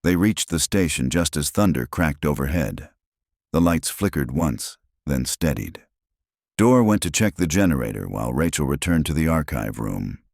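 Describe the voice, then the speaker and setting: A man narrating a suspense story in a slow, ominous, scripted way. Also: a bass voice, lively intonation, creaky, a little mellow, dry recording, studio quality.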